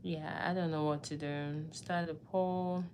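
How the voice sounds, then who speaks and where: A woman's voice: low voice, fairly even intonation, a little slow, darkish tone, a little hiss or hum. A young woman from Cameroon chatting casually with viewers on a live stream. She is easygoing and laughs often. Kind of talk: casual livestream chat to viewers.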